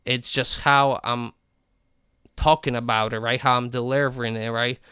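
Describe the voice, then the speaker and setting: A man livestreaming a game and ranting to his chat, profane and combative, swinging between animated outbursts and flat calm, with a habit of asking "right?". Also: mid-range voice, normal speed, smooth, no echo, clean studio sound. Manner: repeats "right?" and restarts words. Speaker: live game streamer talking to chat. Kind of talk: unscripted stream rant.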